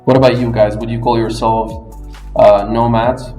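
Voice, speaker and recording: A man from the United States hosting an interview, asking questions in clear, explanatory steps. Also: medium pitch, level tone, moderate pace, warm tone. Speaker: interviewer, English language fellow. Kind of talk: podcast interview. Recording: echoey room, music underneath.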